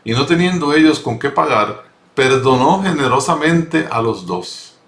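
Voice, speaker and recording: A man's voice: medium pitch, animated, unhurried, a bit bright. A man teaching a Bible study, reading scripture and explaining it earnestly, often repeating and rephrasing his words. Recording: roomy echo.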